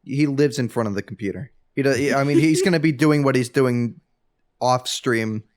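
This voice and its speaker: A man's voice: medium pitch, normal speed. A young man co-hosting a casual podcast, telling anecdotes full of filler sounds. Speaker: podcast co-host.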